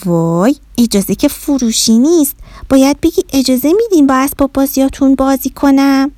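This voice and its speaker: A woman's voice: high voice, lively intonation, mellow, dry recording, voice pushed up. A woman voicing a young girl who earnestly explains manners and scolds. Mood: instructive. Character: young girl, bossy and polite-minded.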